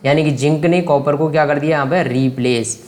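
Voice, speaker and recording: A man's voice: a little high, fairly even intonation, brisk, darkish tone. A man teaching a science lesson online in a chatty, theatrical way. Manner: chatty and theatrical, sings and hums while working.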